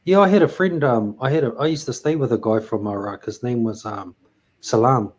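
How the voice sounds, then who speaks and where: A man's voice: mid-range voice, a little fast, darkish tone, lo-fi sound. A man hosting a casual chat, rambling with lots of fillers and restarts. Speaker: host.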